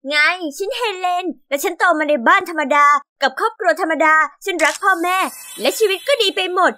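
Brief: young woman narrator, earnest first-person storytelling, bright and crisp, dry close-mic sound. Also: very high-pitched, a little fast, no echo. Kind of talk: scripted narration of an animated story.

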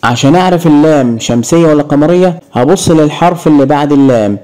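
A man with an Egyptian Arabic accent teaching a grammar lesson, slowly stretching out syllables to demonstrate sounds. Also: a little high, mellow, low-quality recording.

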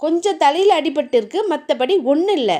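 A woman's voice: high-pitched, lively intonation, a little fast, mellow. A woman voicing an elderly grandfather who reassures and hesitates, in a novel reading. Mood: reassuring. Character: calm elderly grandfather, soothing.

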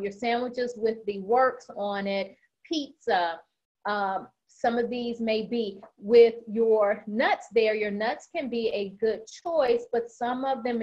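Chatty woman dietitian, dull call audio. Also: medium pitch. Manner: chatty, many "um" fillers, says she is talking fast. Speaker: registered dietitian presenter. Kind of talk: informal nutrition presentation. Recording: slightly dull lo-fi online meeting audio.

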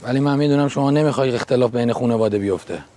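An actor playing a bitter grown son who speaks in a sarcastic, accusing way. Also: male voice, mid-range voice, warm tone, slight background noise, natural voice.

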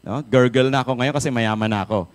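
A man with a Filipino accent giving an energetic, jokey product talk to a live audience, often asking the crowd questions. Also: mid-range voice, fast talker. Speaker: product seminar speaker. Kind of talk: lively sales pitch to a live audience. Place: event room with a live audience.

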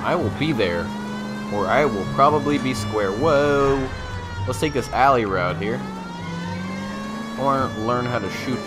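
A gamer doing a video game walkthrough gives casual, slangy commentary, playful and exclaiming with some swearing. His mid-range voice is expressive and slow with frequent pauses. Game music and vehicle sounds fill the noisy background.

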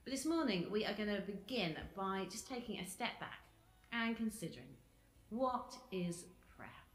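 A woman's voice: mid-range voice, animated, normal speed. Woman giving a sermon, chatty and friendly, echoey room. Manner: friendly conversational preaching with fillers. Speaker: preacher. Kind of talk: sermon introduction.

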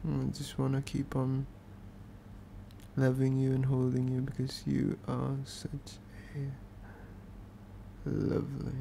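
A man's voice: medium pitch, monotone, slow, creaky, long pauses, mellow, slight background noise. A British man doing an ASMR role-play as a needy, clingy, playful boyfriend, speaking in an intimate, affectionate, pleading way. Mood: tender, pleading.

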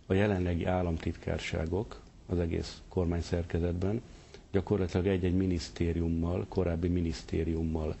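A man's voice: low voice, level tone, creaky, dark tone, slight background noise. A man interviewing a guest on television, asking pointed, skeptical questions. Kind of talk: probing TV interview.

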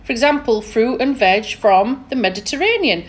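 A woman's voice: a little high, animated, normal speed. A woman with a thick Yorkshire accent, hosting a casual interview in a chatty, opinionated, emphatic way. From England. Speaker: podcast host.

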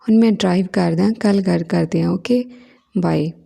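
A woman's voice: lowish voice, moderate pace, gravelly, warm tone. Woman doing a teasing young brother-in-law. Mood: caring. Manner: teasing, playful.

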